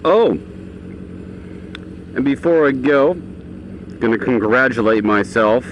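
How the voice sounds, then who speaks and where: A man with a mid-pitched voice speaks from inside a motorcycle helmet while riding. His delivery is casual and rambling, like an offhand vlog. Clear engine, wind and traffic noise runs behind his voice. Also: animated, slow, low-quality recording. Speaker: motorcycle vlogger.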